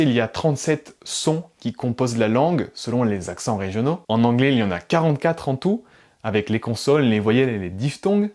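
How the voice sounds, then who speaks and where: A man from France explaining language learning in a casual, lively way, with frequent laughs and playful asides. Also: medium pitch. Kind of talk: casual explanatory talk to camera.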